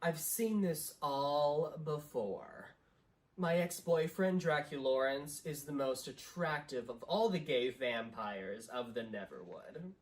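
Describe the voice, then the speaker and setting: A woman voicing a catty, indignant male vampire prince in improvised role-play, with a theatrical, haughty, drawn-out delivery. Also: sits low. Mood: wounded, indignant.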